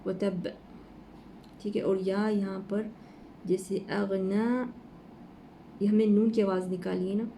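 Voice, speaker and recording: A woman giving an informal Quran lesson, walking slowly through the letters of each verse. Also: mid-range voice, warm tone, slight background noise. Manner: slow, explaining letter by letter. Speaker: Quran teacher.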